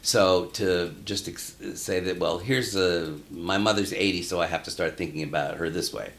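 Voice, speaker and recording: A man who works as an elder care consultant, talking in a measured, anecdotal way in a casual interview. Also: low voice, a bit bright.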